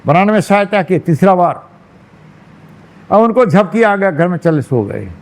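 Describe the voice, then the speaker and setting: A man, a monk, telling a devotional story in a sermon, with lively narration and frequent asides to his listeners. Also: high voice, moderate pace. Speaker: monk preacher. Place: temple hall.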